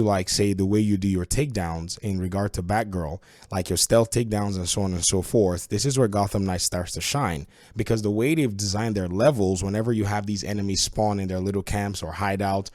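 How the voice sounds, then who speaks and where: Low-voiced man with a stuffy, cold-affected nose. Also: darkish tone, dry recording, clean studio sound. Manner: conversational, opinionated. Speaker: video game reviewer. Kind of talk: casual review commentary.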